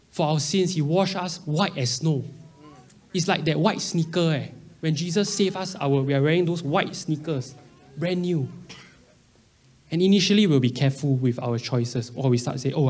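Singlish-speaking young man preaching, higher-pitched voice. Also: a little mellow. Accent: Singaporean. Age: early 30s. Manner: colloquial Singlish with particles and slang. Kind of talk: conversational sermon.

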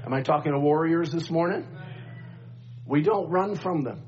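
Middle-aged male pastor, higher-pitched voice, sermon delivered at a pulpit microphone, plain-spoken with repeated phrases, slightly dull sound. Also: normal speed, a little mellow, soft background music. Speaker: pastor preaching. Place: church, at the pulpit. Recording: dull, noisy church recording with hum.

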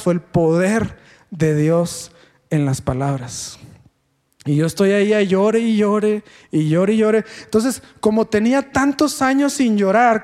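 A man telling his testimony in a sermon, animated and asking the congregation questions. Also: high voice, long reverb tail. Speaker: preacher giving his testimony.

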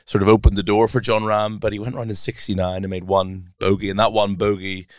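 Male broadcaster as podcast guest, low smooth voice, keen and animated, dry close mic. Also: fairly quick, dry recording. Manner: animated, laughing, enthusiastic. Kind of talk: casual podcast chat.

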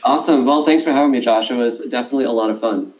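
A man's voice: medium pitch, rapid-fire, lo-fi sound. A man who coaches debate, talking earnestly as a podcast guest and leaning on fillers like "like" and "um". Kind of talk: casual interview guest.

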